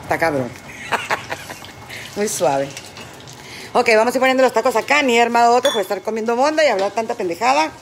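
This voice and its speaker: A middle-aged woman with a Mexican Spanish accent who is tipsy and high, rambling and cracking crude jokes on a cooking livestream from her home kitchen. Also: racing, vocal fry, few pauses, a little hiss or hum. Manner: crude, joking, rambling storyteller. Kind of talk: casual livestream chat while cooking.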